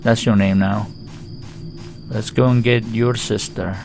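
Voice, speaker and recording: A man's voice: fairly low pitch, fairly even intonation, a little slow, a little mellow, slight background noise. A man giving chatty, joking let's-play commentary on a horror game. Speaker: gaming YouTuber.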